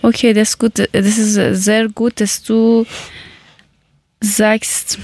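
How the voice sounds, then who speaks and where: Woman from Iran, host; slow, searching for words, even delivery, dry sound. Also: a little high, no room sound. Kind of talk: casual talk in learner German.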